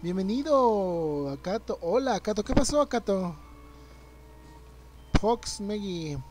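A young man, streaming a game live, reacting loudly, swearing and greeting his chat. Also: high-pitched, expressive, slow pace, faint music behind. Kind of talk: live gameplay commentary.

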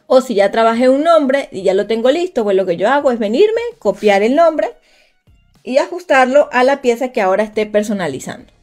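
Woman, fairly high voice, chatty live tutorial, talks straight to viewers, soft music behind. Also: expressive, a little fast. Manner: chatty, addresses viewers directly, thinking aloud. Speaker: crafts instructor. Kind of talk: live-streamed software tutorial.

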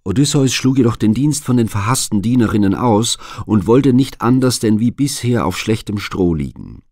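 A man with a very low voice reads a classic legend aloud in steady, even storytelling. The recording is close and dry, with no room sound. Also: moderate pace, dry recording. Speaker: audiobook reader. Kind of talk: scripted narration.

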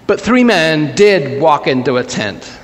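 A male pastor preaching with a playful, joking storyteller's manner. His fairly high voice swings animatedly up and down. A long reverb of the church hangs on every phrase. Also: animated, measured pace, a little hiss or hum. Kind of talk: humorous sermon. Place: church sanctuary.

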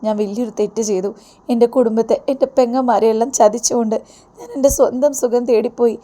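A woman's voice: on the high side, fairly even intonation, fast, dark tone, lightly acted. A woman voicing a remorseful young man who ran away from his family, speaking in a pleading tone.

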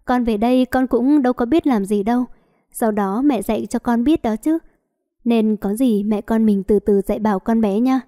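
A woman voicing a gentle middle-aged mother-in-law who speaks in a soft, placating way. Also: fairly high pitch, moderate pace, close to an everyday voice. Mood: soothing.

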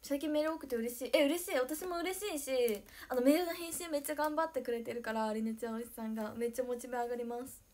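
Bubbly high-voiced young woman streamer. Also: fast talker, hardly any pauses. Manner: excitable, giggly, thanks viewers by name. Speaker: idol livestreamer. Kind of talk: casual livestream chat reading viewer comments.

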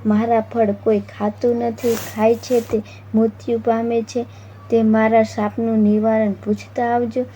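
Woman doing a talking mango tree, pleading, flat and fairly high pitched. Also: unhurried, lightly acted. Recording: dull lo-fi with faint noise.

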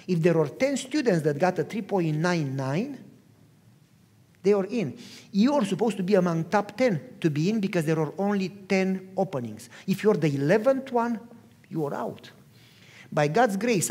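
A male pastor from Romania preaching, with a husky voice and a lively, swinging pitch. He tells his story with animated energy and acts out the dialogue. The sound rings with the long reverb of a large hall. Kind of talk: storytelling sermon.

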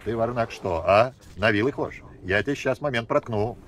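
A man's voice: mid-range voice, normal speed, slight background noise, lightly acted. A man voicing a harsh old peasant father-in-law who barks orders in rustic dialect. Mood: furious. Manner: bullying, barking commands in rustic dialect. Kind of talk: audiobook character voice.

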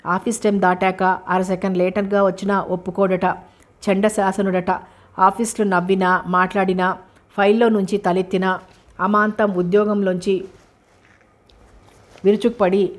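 A woman's voice: mid-range voice, little pitch movement, moderate pace, long pauses, close to an everyday voice. A woman voicing a gossipy male office supervisor passing on rumours, read in an audiobook. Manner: gossiping, warning. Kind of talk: audiobook character reading.

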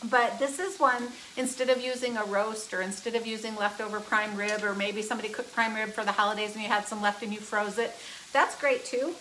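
Over a sizzling pan, a chatty, upbeat woman in her fifties walks viewers through a casual cooking demonstration on a live stream from her home kitchen. The phone camera is often close, sometimes across the room. Her medium-pitched voice is fairly even, quick, pushed and bright; the audio is poor with a little hiss or hum.

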